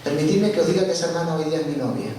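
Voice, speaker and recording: Animated man telling his story in an echoey hall. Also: fairly high pitch, rapid-fire. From Spain. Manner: animated storytelling, acts out quoted dialogue. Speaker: guest speaker giving testimony. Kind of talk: church testimony. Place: large church hall. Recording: echoey church hall from far off, faint hiss.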